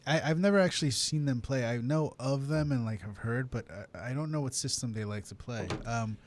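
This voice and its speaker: A man's voice: mid-range voice, brisk. Hesitant man musing on soccer tactics. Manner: hesitant, thinks aloud with fillers. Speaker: radio show co-host. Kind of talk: casual sports chat.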